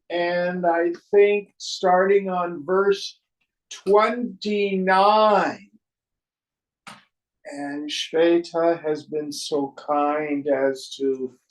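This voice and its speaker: Slow, gentle man leading a chanted prayer. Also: sits high. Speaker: spiritual study group leader. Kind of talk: devotional chanting and teaching. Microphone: online call microphone. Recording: roomy, distant microphone.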